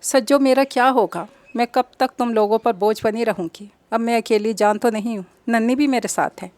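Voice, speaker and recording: A woman's voice: fairly high pitch, normal speed, a little mellow, dry recording, natural voice. Anxious elder sister, a young mother, pleading, read by a woman narrator, dry and close. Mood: worried.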